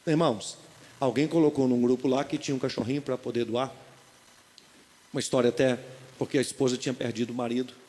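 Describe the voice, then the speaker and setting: A male pastor with a Brazilian Portuguese accent, preaching a sermon in animated storytelling and putting questions to the congregation. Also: medium pitch, fast talker, long pauses. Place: church. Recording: reverberant church hall.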